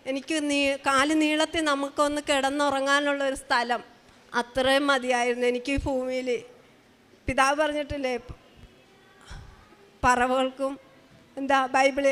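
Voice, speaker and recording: A woman giving an emotional, halting personal testimony at a shrine. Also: sits high, fairly bright tone, long reverb tail.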